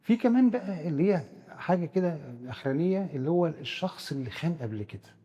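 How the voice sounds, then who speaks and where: A man's voice: fairly high pitch, expressive, fast talker, warm tone, in a large hall, lo-fi sound. A man with an Egyptian Arabic accent, explaining psychological ideas through first-person examples and often restarting his words. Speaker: psychiatrist guest expert. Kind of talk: explanatory discussion.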